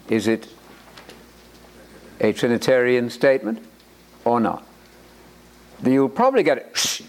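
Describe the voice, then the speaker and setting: A man giving a lively preaching lecture, emphatic and animated, with repeated words and joking asides. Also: medium pitch.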